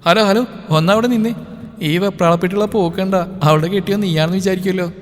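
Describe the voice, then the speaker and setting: A man voicing a cheeky, teasing younger sister in an audio story, in a brighter, playful tone. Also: sits high, a little fast, voice pushed up, lightly acted. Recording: reverberant with faint music.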